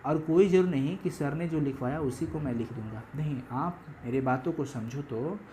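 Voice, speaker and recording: A man's voice: a little high, normal speed, warm tone, a little hiss or hum, rough recording. A man teaching a literature lesson to students, retelling a story in a chatty way and often breaking off to ask if they follow.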